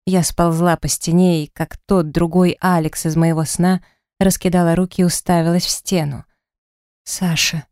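A woman narrating a first-person audiobook in an expressive, dramatic storytelling manner, recorded in a studio. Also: on the low side, dry recording.

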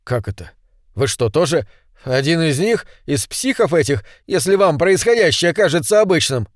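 A man's voice: on the high side, sing-song, normal speed, dry recording, clean studio sound, voice pushed up. A man voicing a frightened, agitated man who speaks urgently. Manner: tense, urgent.

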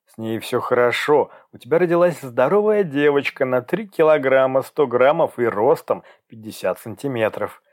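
A man doing a calm, soothing woman doctor. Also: medium pitch, moderate pace, dry recording, studio quality, lightly acted. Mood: reassuring. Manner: soothing, reassuring. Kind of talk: audiobook character reading.

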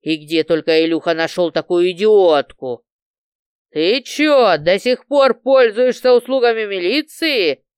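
A woman voicing a furious, crude male gangster who snarls threats in a loud, lowered voice. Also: animated, unhurried, clear, resonant tone, no room sound, studio quality. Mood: vicious scorn. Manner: snarling, swearing.

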